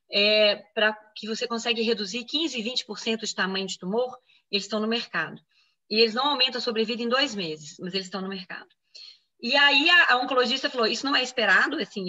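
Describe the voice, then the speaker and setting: A fairly high-pitched woman, a physician, tells a medical story in an interview at a quick clip. Her voice is bright and forceful, and she acts out the people she quotes. The recording sounds slightly dull and lo-fi. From Brazil. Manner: explanatory, quoting others in lively reenactment. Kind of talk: interview answers, personal medical account.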